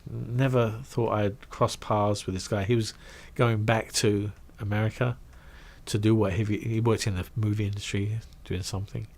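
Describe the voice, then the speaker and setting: Brief: middle-aged Englishman, lowish voice, chatty storyteller who acts out the voices he quotes. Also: normal speed. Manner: animated, acts out quoted voices, trails off into asides. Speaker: guest recounting his career. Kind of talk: casual anecdotal storytelling.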